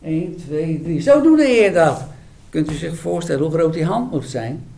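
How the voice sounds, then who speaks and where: A man's voice: on the high side, animated, moderate pace, creaky, warm tone. A man preaching a sermon, retelling a scripture story with dramatic, emphatic storytelling.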